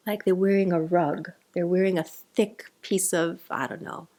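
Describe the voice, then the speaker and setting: A woman's voice: fairly low pitch, fairly even intonation, normal speed, dark tone. A woman with a South African accent giving an informal Torah class, chatty and digressive, mixing in Hebrew terms. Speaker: Torah teacher.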